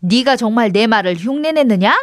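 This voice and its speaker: A woman's voice: mid-range voice, moderate pace, a little mellow, no room sound, clean studio sound, lightly acted. A woman voicing a poor, kind young woodcutter who talks earnestly and exclaims aloud.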